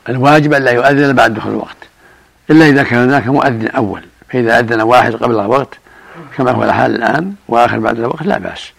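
An older man, a religious scholar, answering questions in a measured, explanatory way. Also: medium pitch, creaky, a bit bright, husky, no room sound. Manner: measured, explanatory, chants call-to-prayer examples.

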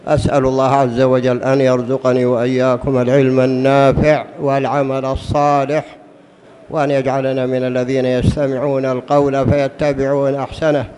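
Guy teaching islamic law in formal standard arabic, pretty even flat tone, some noise behind him. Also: mid-range voice, brisk. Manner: didactic, repeats key phrases and poses questions. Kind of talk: religious lesson on Islamic jurisprudence.

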